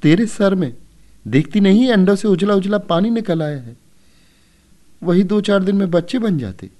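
A man's voice: sits high, animated, moderate pace, warm tone, voice pushed up. A man voicing a bossy, anxious young boy who scolds his little sister in a storybook reading. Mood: scornful.

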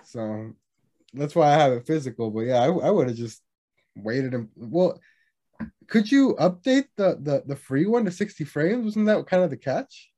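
A man's voice: fairly high pitch, animated, moderate pace, mellow. A young man co-hosting a casual gaming chat, rambling and swearing freely. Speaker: podcast co-host.

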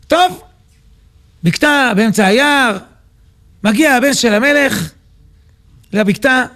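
A man, a rabbi, telling a parable in a lively sermon and acting out its scenes. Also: very high-pitched. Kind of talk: sermon storytelling.

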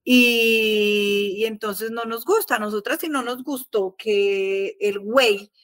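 A woman's voice: mid-range voice, slow pace, dry recording. A Colombian woman with a Colombian accent, a podcast guest chatting casually and acting out the exchanges she quotes. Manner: animated, acts out quoted exchanges. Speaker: guest, architect.

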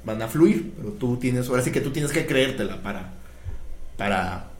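A man's voice: mid-range voice, normal speed. A man, casually telling film anecdotes on a podcast and acting out the quoted dialogue. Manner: animated retelling, acts out quoted dialogue. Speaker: guest telling film history. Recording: echoey room, faint ambient noise.

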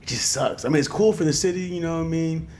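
A man's voice: on the high side, fast, a little mellow, slight background noise. A man co-hosting a casual sports chat, loose and joking, full of slang.

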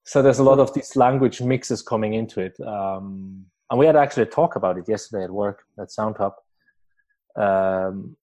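Speaking with a low, darkish voice, this man from Switzerland hosts a podcast interview in a relaxed, chatty way. English isn't his language, and his talk is peppered with fillers, false starts and lots of laughing.

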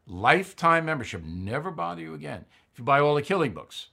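A man hosting his own commentary show, with a fairly high voice for a man. He talks bluntly and conversationally and drops in fillers as he goes. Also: very animated, fast, creaky, a bit bright. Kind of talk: opinion commentary.

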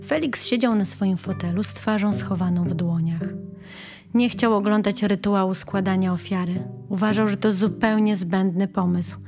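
A woman narrating a children's story in a gentle, clear storytelling manner. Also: mid-range voice, fairly even intonation, normal speed, music in the background. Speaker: audiobook narrator.

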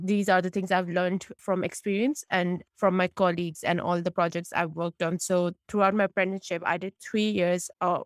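A woman's voice: on the low side, dry recording. A woman in her late twenties from Pakistan, a tech consultant chatting candidly as a podcast guest. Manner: chatty, candid, many restarts. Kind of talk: podcast interview.

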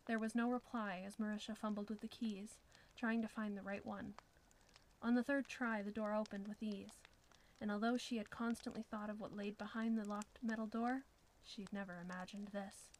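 Casual: lady reading a scary story, whispery and hushed, mid-pitched voice, faint hiss in the background. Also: fairly even intonation, normal speed, rough recording. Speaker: narrator. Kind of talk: scripted horror story narration.

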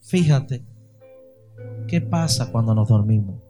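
A man's voice: mid-range voice, lively intonation, slow, mellow, soft background music. A man preaching a sermon to a congregation, reading scripture and asking the listeners emphatic rhetorical questions.

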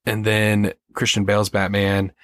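A man's voice: on the low side, completely flat delivery, measured pace, no echo, studio quality. A man in casual podcast chat, analytically explaining how voices are made.

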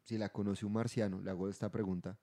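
Colombian male co-host, mellow tone, lively anecdote teller who cracks himself up. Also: lowish voice, fast. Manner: animated storyteller, laughs at his own tales. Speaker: podcast co-host. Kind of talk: casual chat.

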